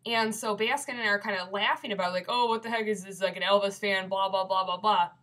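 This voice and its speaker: A young Michigan woman with a stuffy, congested voice speaks fast at a medium pitch, fairly bright in tone with fairly even intonation. It's a casual video submission where she rambles, filler-heavy, through a ghost story to a webcam.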